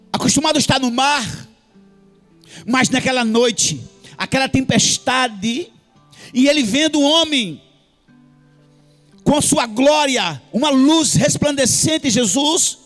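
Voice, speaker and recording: A man with a Brazilian Portuguese accent preaches a sermon in church, his very high voice a bit bright. He's impassioned and sing-song, with frequent hallelujahs, and faint music plays behind him.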